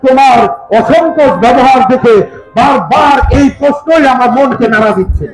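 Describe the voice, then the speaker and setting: An actor playing a proud, commanding Nawab of Bengal in folk theatre, with booming, declamatory regal speech. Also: male voice, moderate pace. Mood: probing, imperious. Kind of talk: jatra folk theatre acting. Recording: echoey stage recording with music behind.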